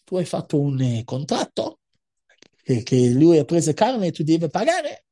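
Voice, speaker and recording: A woman voicing a calm male rabbi who questions patiently and reasons things through. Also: low voice, moderate pace.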